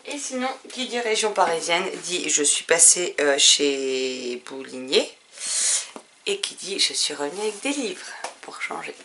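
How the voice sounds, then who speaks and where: Low-voiced woman chatting about books. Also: very animated, measured pace, bright, forceful tone, slight background noise. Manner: rambling, full of hesitations. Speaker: book vlogger. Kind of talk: casual book haul chat.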